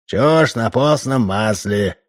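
A man's voice: lowish voice, lively intonation, slow. A man doing a drunk old fairground brawler. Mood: scoffing. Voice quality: tipsy tenor. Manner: slurred, boastful, belligerent.

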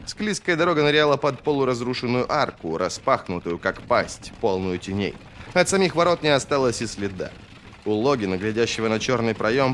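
A man narrating a fantasy novel as an audiobook in a steady, expressive reading. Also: lowish voice, a little hiss or hum.

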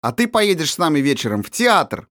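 A man reading an audiobook, voicing a spoiled, capricious little rich girl in high, squealing chatter. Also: big pitch swings, moderate pace, no echo, clean studio sound. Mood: excited. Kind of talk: audiobook character voice.

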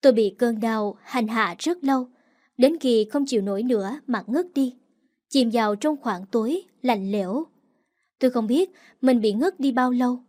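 A woman's voice: on the high side, darkish tone. A woman narrating a dramatic first-person story aloud, reading with emotion.

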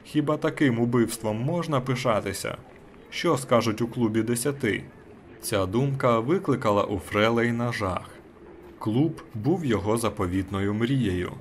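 A man narrating a short story as an audiobook in a steady, measured way. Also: medium pitch, slight background noise.

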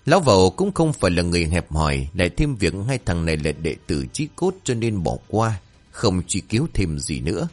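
A man narrating a comic folk tale in an animated, expressive way. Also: low-pitched, fairly quick, faint music behind. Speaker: storyteller.

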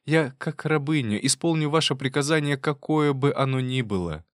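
A man's voice: medium pitch, moderate pace, no room sound, voice pushed up, close to an everyday voice. A man voicing a remorseful young wife who begs her husband for forgiveness, for a dry audiobook reading. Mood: pleading.

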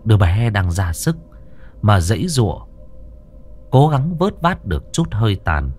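A man narrating a horror story in a lively, dramatic way. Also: fairly low pitch, measured pace.

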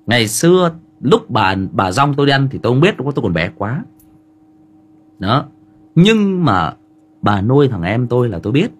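A man with a Northern Vietnamese accent hosts a livestream, telling a family story in a loose, rambling way packed with filler words. His voice sits at a medium pitch and sounds very animated and slightly rough, moving at a normal speed.

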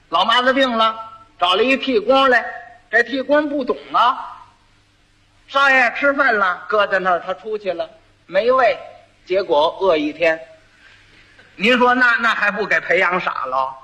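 Lively storyteller, bright voice. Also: male voice, high-pitched, normal speed, low-quality recording. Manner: lively, conversational asides to listeners. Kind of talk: traditional comic storytelling.

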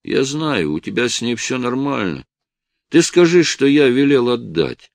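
A man's voice: mid-range voice, sing-song, unhurried, vocal fry, no echo. A man voicing a badly beaten young man who speaks weakly, groaning and pleading, bitter about his attackers. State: in pain, weak.

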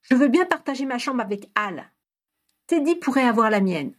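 A woman voicing an excited, breathless young boy who teases his brother, reading aloud in a dry, close recording. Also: a little high, moderate pace, voice pushed up. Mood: teasing.

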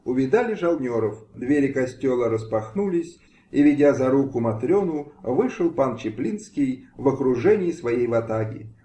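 A man reading a historical audiobook aloud with expressive, dramatic delivery. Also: medium pitch. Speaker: audiobook reader. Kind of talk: amateur audiobook narration. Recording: roomy home recording.

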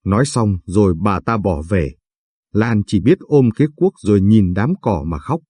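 A man's voice: lowish voice, animated, moderate pace, mellow, slightly rough, no room sound. A man narrating a dramatic family story in a solemn, scripted way.

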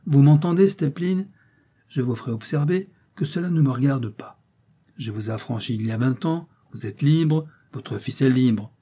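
A blunt old prince, as a man reads him in an audiobook, firm and a bit irritated, raising his voice to a servant. The tone stays mellow and husky under the force. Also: medium pitch, moderate pace, close to an everyday voice. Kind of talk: audiobook reading.

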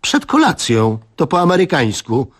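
A man's voice: on the high side, animated, moderate pace, pitched above the performer's own voice, natural voice. A man voicing a bossy middle-aged village wife who scolds her husband with an air of superiority. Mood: scolding.

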